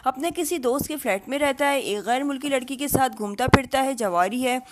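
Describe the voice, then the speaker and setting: A woman voicing a mischievous, quick-witted young man in a story. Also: sits high, close to an everyday voice. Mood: probing. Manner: mock-angry teasing, faking other voices.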